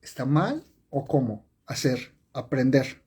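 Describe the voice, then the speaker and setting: A man's voice: medium pitch, animated, slow pace, warm tone, slightly rough. Man teaching sign language. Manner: explanatory, repeats and self-corrects, many fillers. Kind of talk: live-streamed lesson. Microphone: phone or webcam on a live stream.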